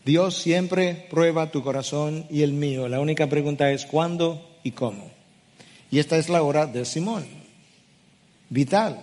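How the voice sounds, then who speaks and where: A middle-aged male pastor preaching with emphasis, his voice a little higher than most men's. He rephrases scripture passages again and again to press the point. His voice carries a long reverb from a large hall. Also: a little slow, a little mellow. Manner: emphatic preaching, reads and restates scripture verses. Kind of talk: sermon.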